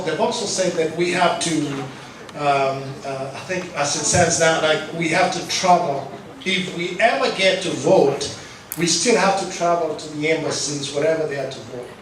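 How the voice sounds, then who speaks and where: A man's voice: fairly high pitch, a bit bright. A man from Kenya moderating a conference session, loose and chatty with light laughs. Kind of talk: casual wrap-up remarks. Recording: echoey hall, distant mic, noise.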